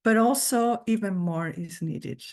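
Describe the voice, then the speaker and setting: A woman's voice: mid-range voice, measured pace, gravelly. A woman guest lecturer giving an earnest, thoughtful academic talk over a video call.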